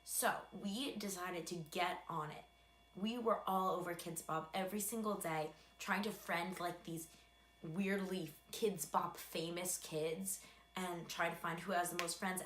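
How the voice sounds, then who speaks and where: A woman's voice: lowish voice, measured pace. A young adult American woman telling a casual personal story in a chatty, self-deprecating way with dry asides. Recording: echoey room with faint background hum.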